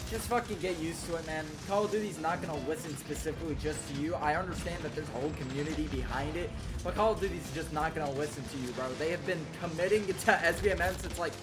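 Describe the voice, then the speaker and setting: A young man with a fairly high voice commentates over a video game with music behind him. He talks casually in slang, swearing heavily and slipping into trash talk. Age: young adult. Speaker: gaming YouTuber. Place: small room indoors.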